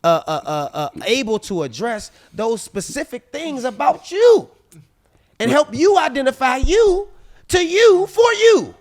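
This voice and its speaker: A man's voice: extremely high pitch, big pitch swings, measured pace, a little mellow. A man co-hosting a casual podcast chat, candid and emphatic, circling back to repeat his points. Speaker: podcast co-host.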